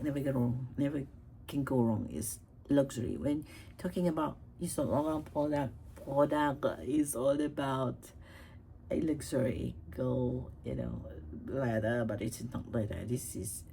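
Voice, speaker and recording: Woman beauty vlogger, low pitch, meandering chatty delivery full of restarts. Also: creaky, dark tone, a little hiss or hum, low-quality recording. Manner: rambling, chatty, many fillers and restarts. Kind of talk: casual makeup chat.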